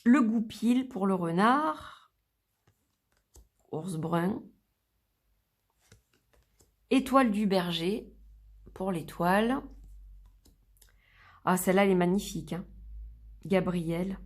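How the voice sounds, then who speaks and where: A woman reviewing an oracle card deck in a gentle, admiring way, reading the booklet aloud and naming each card. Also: mid-range voice, slow pace, pauses often. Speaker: card reader presenting a deck. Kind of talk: unboxing and review.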